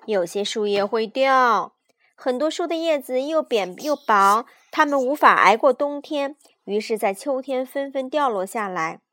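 A young mother reading a picture book aloud to her child at bedtime, patient and animated. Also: sits high, a little slow. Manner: gentle, patient, animated storyteller.

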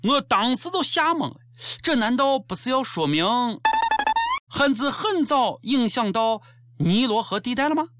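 A man's voice: very high-pitched, sing-song, moderate pace, a bit bright, no echo, faint music behind. A man with a Shaanxi accent hosting a comedy show, delivering scripted commentary in an exaggerated, sarcastic way.

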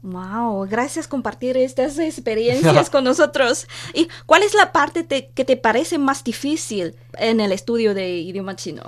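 A woman's voice: high-pitched, lively intonation, moderate pace, few pauses. A woman hosting an interview, friendly and teacherly in her questions. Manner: friendly, teacherly, exaggerates tones when demonstrating. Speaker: interviewer, host. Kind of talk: radio-style interview.

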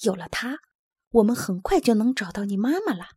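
A woman voicing a kind, steady young male polar bear cub in a storybook reading, gentle and reassuring. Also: a little high, fairly quick, husky, dry recording, clean studio sound, exaggerated voice.

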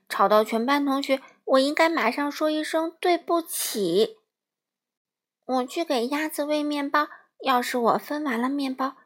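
A woman doing little Peipei the koala girl. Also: fairly high pitch. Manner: bright eager childlike speech. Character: small confused three-year-old girl koala.

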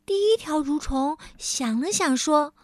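Lively woman reading a children's story. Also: sits high, dry recording, studio quality. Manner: lively, with many drawn-out fillers in character lines.

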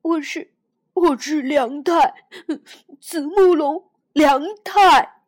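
A woman's voice: high-pitched, takes it slowly. A woman voicing a crying, frightened little boy dinosaur who stammers through sobs. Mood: earnest. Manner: sobbing, stammering.

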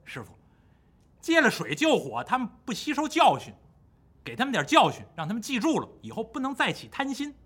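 A brash, swaggering monkey king, voiced by a male storyteller, high-pitched and lively, bragging in quick bursts. The voice is bright and cocky, a trickster who is sure of himself. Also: slightly rough, full character voice. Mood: boastful. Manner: swaggering, quick and self-assured.

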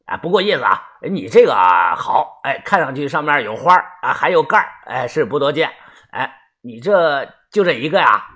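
A man's voice: mid-range voice, big pitch swings, normal speed, bright, forceful tone, slightly rough, heavily acted. A man voicing a pushy, chain-smoking junk dealer in his thirties, haggling dismissively in a storybook reading.

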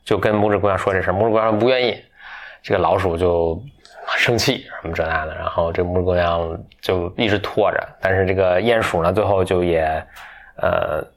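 A man casually retelling a fairy tale to a friend, rambling with many fillers and self-corrections, playful and quick to get animated. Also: sits low. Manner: playful, gets animated and laughs. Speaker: storyteller.

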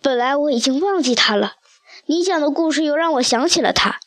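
A woman voicing a gruff, hot-tempered male leopard in a storybook reading, blustering and quick to rage. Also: high-pitched, lively intonation. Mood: mournful. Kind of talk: storybook character voice.

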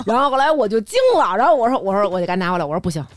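A woman podcast host chatting casually, telling lively stories and acting out the dialogue. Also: medium pitch, very fast. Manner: lively storytelling, acts out quoted dialogue. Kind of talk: casual chat.

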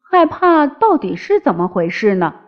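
A woman's voice: on the high side, very animated, moderate pace. A woman voicing a brash, fearless young man in a storybook reading. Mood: puzzled. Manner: cocky, brash. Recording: slightly dull with faint music.

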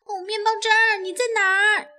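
A fretful little girl in a children's storybook, her voice pitched high and quick with worry, as a woman reads her. She speaks in breathless exclamations over faint music. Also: little pitch movement, sharp tone. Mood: frantic. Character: excitable little girl, anxious pet owner.

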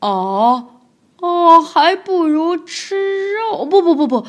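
A woman voicing a big tyrannosaurus who turns into a gentle father, speaking in a gruff, drawn-out way. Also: very high voice, expressive, voice pushed up, full character voice.

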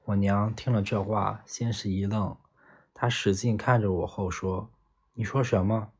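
A man narrates a novel in the first person with a low, husky voice. His reading is steady and plain, like a calm audiobook narrator. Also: unhurried.

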